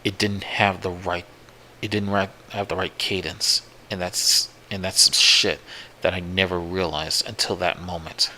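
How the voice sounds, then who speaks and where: Slow deep-voiced man telling a scary tale. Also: little pitch movement, sharp tone, slight background noise, poor audio. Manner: profane, slow, repetitive retelling. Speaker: horror story narrator. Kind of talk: first-person story narration.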